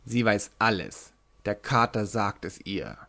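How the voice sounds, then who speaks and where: Man doing melancholy young Irishman, murmured, low, quiet, heavy-hearted, storybook reading. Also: a little slow. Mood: murmuring.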